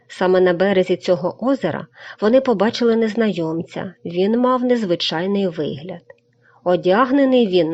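A woman reading a children's story aloud with expressive storybook narration. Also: medium pitch. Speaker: reader. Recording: dull lo-fi recording.

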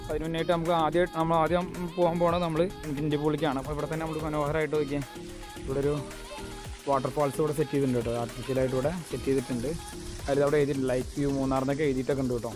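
A man's voice: a little high, flat delivery, racing, over music. A man with a Kerala Malayalam accent vlogging casually and enthusiastically to viewers, mixing English words into his Malayalam. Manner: enthusiastic, repeats catchphrases of approval. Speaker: travel vlogger, host. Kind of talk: casual vlog commentary to viewers.

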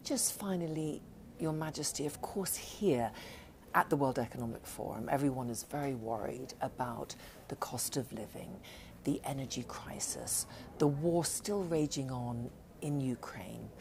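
Low-voiced woman interviewer, polite. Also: measured pace, darkish tone, a little hiss or hum. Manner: polite, formal questioning. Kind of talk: studio television interview. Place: outdoor television studio set, snowy mountains. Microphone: lapel mic.

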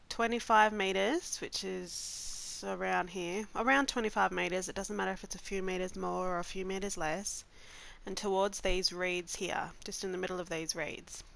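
A woman's voice: mid-range voice, gravelly, fairly bright tone. A woman from Australia, nasal-sounding because she has the flu, casually talking viewers through a gameplay tutorial step by step. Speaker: gaming channel host.

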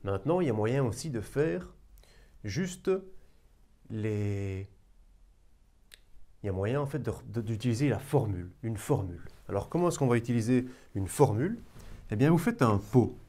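A man's voice: mid-range voice, expressive, moderate pace, long pauses, mellow. A man teaching a math lesson to a class, coaxing his students and talking to them directly. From Belgium.

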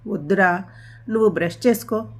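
A woman voicing a gentle, joking middle-aged father who teases his daughters in a storybook reading. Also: medium pitch, normal speed, natural voice. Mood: teasing. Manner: teasing, dry humor.

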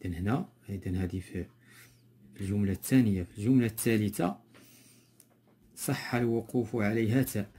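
A male teacher with a Moroccan accent works through a textbook lesson patiently, step by step, and repeats the key terms. His voice sits low and sounds mellow and dark, with a husky edge. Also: a little fast, pauses often.

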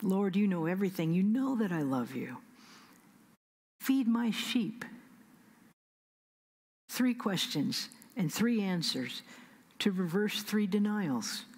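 A middle-aged woman pastor with a Midwestern American accent, preaching a sermon at a pulpit microphone, measured and emphatic, with slow pauses and soft whispered asides. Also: medium pitch, sing-song, slightly rough. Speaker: senior pastor. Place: large church sanctuary. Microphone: pulpit stand mic. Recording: long church reverb.

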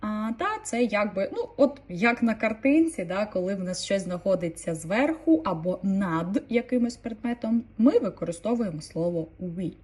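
A woman teaching an online language lesson, calmly explaining and repeating each new word. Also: medium pitch, normal speed, few pauses, slightly rough.

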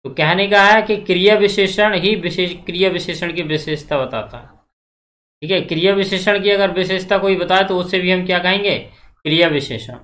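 His voice is high and fairly bright, and he moves at a moderate pace through an exam-prep Hindi grammar lecture. The teacher repeats himself often, asks his class questions that he then answers, and checks in again and again.

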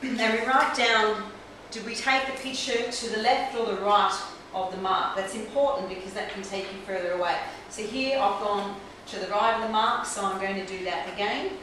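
In a small, bright clinic room, a woman trichologist teaches a technique hands-on, explaining each step as she works on a client. Her mid-range voice is fairly bright, at normal speed with hardly any pauses. Recorded by a camera mic from across the room, the sound is echoey with noticeable hiss.

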